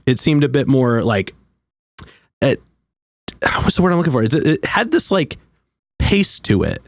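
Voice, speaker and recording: A man's voice: medium pitch, sing-song, a little slow. A man hosting a podcast, enthusiastic and full of fillers as he searches for his words. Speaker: podcast host. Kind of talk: casual interview chat.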